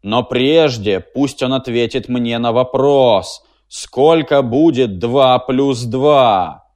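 Man voicing a dim-witted giant female machine, stubborn, menacing, slow, booming. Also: a little mellow, natural voice.

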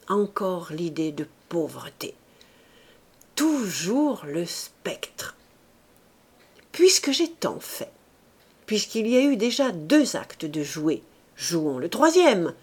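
Slow, measured woman reading a novel aloud. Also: medium pitch, a little mellow. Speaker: audiobook reader.

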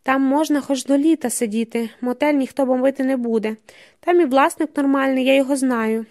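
A woman playing a yellow-toothed, shabby middle-aged man in an audiobook, anxious and rough in his speech. His lines come out high-pitched and insistent. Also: a little fast, close to an everyday voice. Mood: uneasy. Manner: uneasy, questioning, rough colloquial speech.

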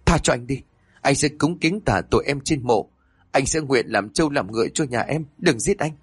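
A man's voice: mid-range voice, normal speed, husky, no echo, pitched above the performer's own voice, lightly acted. A man doing terrified criminals begging for mercy. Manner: panicked pleading.

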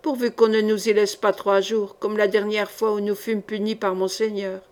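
A woman's voice: medium pitch, flat delivery, moderate pace, a little mellow, lightly acted. A woman reading an audiobook, voicing Brancaillon, a simple, easygoing male henchman. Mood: worried.

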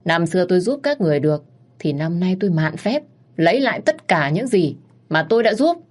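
A woman voicing a furious, protective middle-aged mother who shouts and scolds in a storybook reading. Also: lowish voice, lively intonation, moderate pace.

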